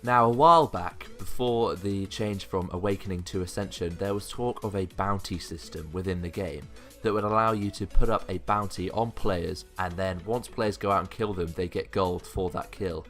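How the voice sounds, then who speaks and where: A man's voice: deep voice, a bit bright. A man giving an enthusiastic, hopeful top five countdown commentary as a gaming video creator, recorded as a voice-over. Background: background music.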